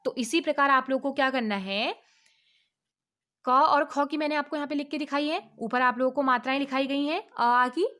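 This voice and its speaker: A woman teaching an alphabet lesson to children, asking questions and answering them herself, drawing out each letter slowly. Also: sits high, fairly bright tone. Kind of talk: online Hindi lesson for children.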